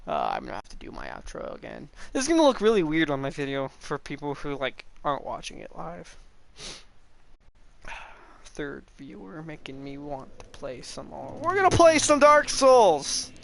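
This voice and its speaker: A young man talks through a live game stream, rambling and excitable, cursing whenever things go badly. His fairly high voice swings widely in pitch. A faint noise sits under the recording. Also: normal speed, vocal fry. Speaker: gaming streamer. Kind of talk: live gameplay commentary.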